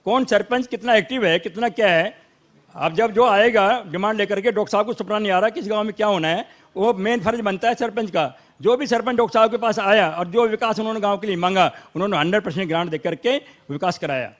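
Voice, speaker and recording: A man's voice: high-pitched, fast. A man with a Haryanvi accent, a local supporter arguing insistently in a heated panel debate. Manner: insistent, argumentative, interrupts to defend his side.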